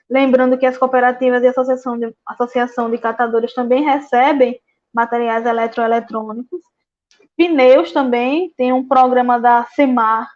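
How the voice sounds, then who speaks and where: A woman talks her audience through a slide presentation, her voice pitched high. She leans on constant fillers and starts phrases over again as she goes. The recording sounds dull and muffled. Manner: frequent "né" and "é" fillers, halting restarts. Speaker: guest speaker on waste management. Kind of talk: slide presentation at a public event.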